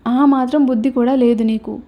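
A woman's voice: on the high side, steady tone, brisk, dull audio, close to an everyday voice. A woman voicing an angry young man who scolds and threatens in a storybook reading. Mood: scolding. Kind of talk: storybook character voice.

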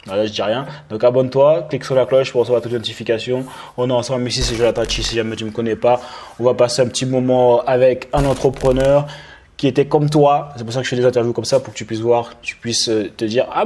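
A man's voice: mid-range voice, darkish tone. A man hosting an online interview, joking and chatting directly to his viewers over a webcam. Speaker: host. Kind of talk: casual interview on a video call. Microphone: video call webcam.

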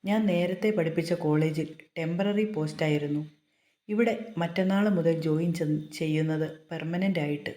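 A woman's voice: low voice, moderate pace, mellow, close to an everyday voice. Woman doing a curt, scolding young husband. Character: short-tempered young man, curt husband. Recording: roomy echo.

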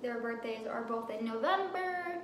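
Chatty young woman, high voice. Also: animated, normal speed. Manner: chatty, rambling, self-deprecating. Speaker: vlogger. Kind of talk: casual haul vlog. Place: home kitchen table, indoors. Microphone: camera on table. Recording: roomy kitchen with background noise.

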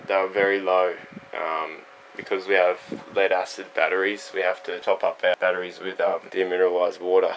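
A young man talks to a handheld camera aboard his sailboat. His voice sits low and stays fairly flat, loose and rambling with plenty of "um"s. A faint hum of ambience runs behind him. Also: low-quality recording. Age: young adult. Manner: relaxed and rambling, with many fillers. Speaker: sailing vlog host. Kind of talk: casual vlog talk to camera. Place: on and inside a sailboat. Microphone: action camera held close.

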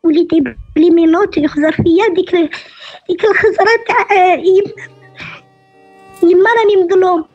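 High-voiced Algerian woman over the phone. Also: fairly even intonation, a little mellow, soft background music. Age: middle-aged. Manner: halting, many hesitant fillers. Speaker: caller. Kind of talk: telling her story in a call-in show. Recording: dull phone line.

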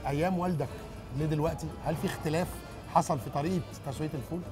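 A middle-aged man with an Egyptian Arabic accent, hosting a food show and interviewing on a street in a lively, chatty way. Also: a little high, racing, over music. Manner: lively, chatty, echoes and confirms answers. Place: outdoors on a city street.

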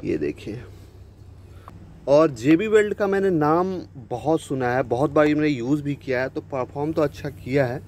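Guy doing a diy fix video outside, kinda high voice, chatty, little bit of background hum. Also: animated, normal speed, a little mellow. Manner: chatty, addresses viewers as friends, Hindi mixed with English words. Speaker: DIY repair video host. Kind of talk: casual tutorial narration. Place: outdoors beside a scooter.

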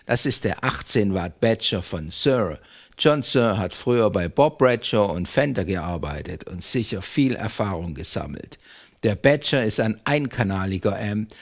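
A man in his fifties in a home music studio, calmly presenting guitar amp presets in a measured, matter-of-fact way. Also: fairly low pitch. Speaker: guitar demo host. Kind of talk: scripted product demo narration.

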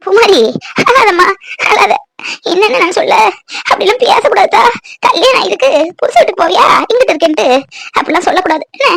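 A sweet old cartoon granny, high thin voice, soft fussing. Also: female voice, a little fast, vocal fry, no room sound, full character voice. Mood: coaxing. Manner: coaxing, tender scolding. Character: old grandmother, gentle and soothing. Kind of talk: cartoon voice acting.

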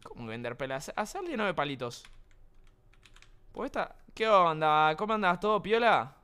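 A man's voice: high-pitched, very animated, moderate pace, pushed and bright, clean tone. A young man with an Argentine accent chatting live while gaming, full of crude banter, slang and swearing. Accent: Argentine Spanish. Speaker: streamer. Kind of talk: live gaming stream chat.

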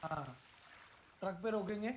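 High-voiced male teammate with quick callouts. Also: expressive, slight background noise. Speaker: squad teammate. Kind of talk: live gameplay squad chat.

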